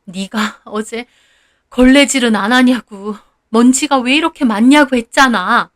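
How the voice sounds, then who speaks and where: A woman voicing a sulking, plaintive older mother-in-law who talks low, quiet and grudging. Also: a little slow. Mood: accusing.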